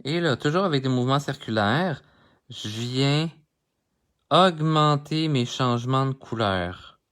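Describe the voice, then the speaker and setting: A man's voice: mid-range voice, animated, unhurried, a bit bright. Chatty Québécois man teaching coloring. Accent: Québécois French. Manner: chatty, talks straight to live viewers while coloring. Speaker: art instructor. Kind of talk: live-streamed drawing tutorial.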